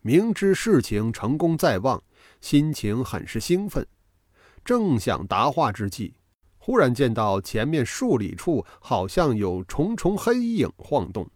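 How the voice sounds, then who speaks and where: A man narrating a novel as an audiobook reader, telling the story with dramatic, expressive delivery. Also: mid-range voice, measured pace, dry recording, studio quality.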